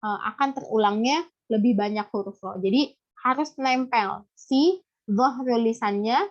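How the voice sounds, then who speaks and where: An Indonesian woman teaching a recitation lesson in a halting, explanatory way, with a slight impediment on her rolled r. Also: a little high. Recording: dull, lo-fi audio.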